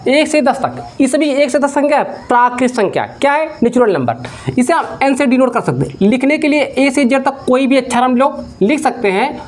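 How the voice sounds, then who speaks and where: A man teaching maths in a classroom-style lecture, dictating slowly and step by step, asking questions and answering them himself, and repeating key terms. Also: very high-pitched, a little hiss or hum.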